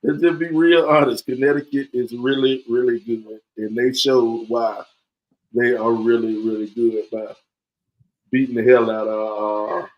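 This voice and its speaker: A man in his forties hosting a podcast, chatting casually, animated and joking, repeating himself often. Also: mid-range voice, measured pace, lo-fi sound. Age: 40s. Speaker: podcast host.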